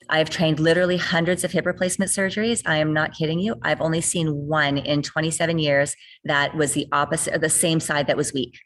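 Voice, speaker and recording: A woman's voice: low-pitched, a bit bright. A middle-aged woman fitness trainer on a video call, explaining rehab ideas earnestly and repeating key points for emphasis. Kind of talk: explanatory interview talk.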